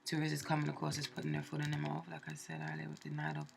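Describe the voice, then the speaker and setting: This tarot reader's deep, sing-song voice runs rapid-fire with vocal fry, and she sounds congested from a cold. Her casual reading is chatty, packed with fillers and restarts, over a slight hiss or hum.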